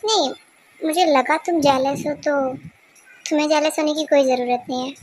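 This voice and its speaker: A woman's voice: high-pitched, moderate pace, natural voice. A woman voicing a cold, curt young husband in a fan-dubbed romance story, talking in a brusque, scolding way. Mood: soothing.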